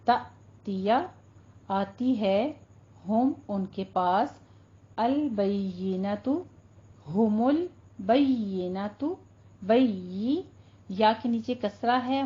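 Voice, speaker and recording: Woman, recitation teacher, slow deliberate pace, mellow tone, slightly dull recording. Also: mid-range voice. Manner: patient, stretches out recited words slowly. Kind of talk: tajweed lesson with slow recitation.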